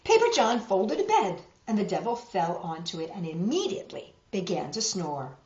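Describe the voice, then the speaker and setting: A woman with a mid-range voice reads a picture book aloud to children, animated and dramatic, breaking off for asides to viewers as she shows the pictures. Background noise is present, and the recording is roomy, dull, lo-fi web video.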